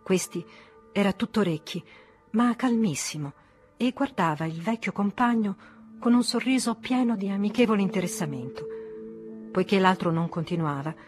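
A woman narrates a literary novel in an even, attentive way. Her voice sits at a middle pitch for a woman. Faint music plays behind her reading. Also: normal speed. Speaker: audiobook reader.

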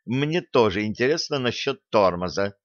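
A man voicing a cheeky, sharp-tongued teenage girl who snaps back indignantly, in a dull lo-fi audiobook recording. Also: on the low side, expressive, normal speed, dry recording, close to an everyday voice. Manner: indignant, snappy.

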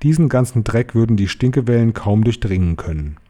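A man calmly reading a children's novel aloud as first-person narrator. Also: mid-range voice, fairly quick. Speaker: reader.

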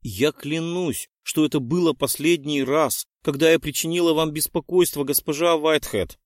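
A man's voice: a little high, animated, slow pace, a little mellow, no echo, clean studio sound, voice pushed up. A man voicing a young female witch student who pleads theatrically and with feigned innocence. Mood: pleading.

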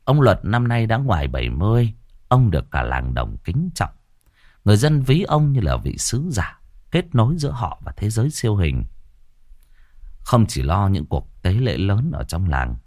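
Low, lively male ghost-story narrator. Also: dry recording, studio quality.

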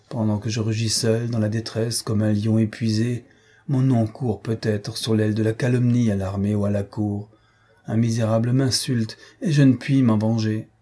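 Brief: a man doing a feverish dying nobleman, husky and dark, raised a bit in pitch, declamatory grief. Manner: mournful, declamatory, grows fierce. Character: dying bitter aging male nobleman, feverish.

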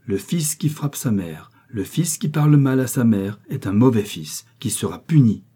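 A man's voice: fairly low pitch, normal speed, slightly rough. A man voicing a young mother who speaks firmly and with cold disdain. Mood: stern. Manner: gentle turning stern. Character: young mother, gentle but firm.

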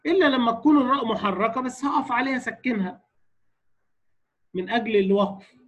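A man with an Egyptian Arabic accent, teaching a tajweed lesson in a casual spoken style, explaining rules and then reciting example verses slowly, repeating each one. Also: very high-pitched, fairly bright tone. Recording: dull lo-fi recording.

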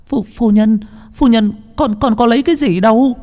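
A man's voice: extremely high pitch, normal speed, mellow, in a large hall, voice pushed up. A man voicing a terrified sixteen-year-old servant girl, crying and stammering as she begs. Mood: terrified pleading. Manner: stammering, pleading.

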